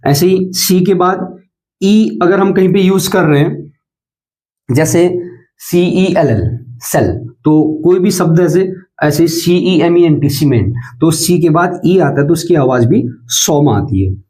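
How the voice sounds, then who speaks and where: Male teacher, slightly high pitch, mellow tone, patient step-by-step explainer. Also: measured pace. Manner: patient, spells words out letter by letter. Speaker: English pronunciation teacher. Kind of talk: explanatory lesson in Hindi.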